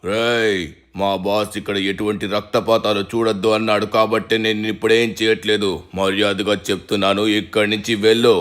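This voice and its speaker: A man's voice: on the low side, level tone, fairly quick, fairly bright tone, clean tone, natural voice. A man voicing a hot-headed male guard who bosses and threatens, in a game role-play dub. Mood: menacing. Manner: threatening, bossy.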